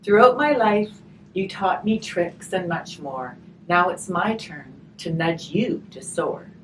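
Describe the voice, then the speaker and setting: With a fairly low-pitched voice, a woman volunteering at a hospice reads a picture book to kids, slow and expressive, chatting and asking them things along the way. The mic is far off and there is faint background noise.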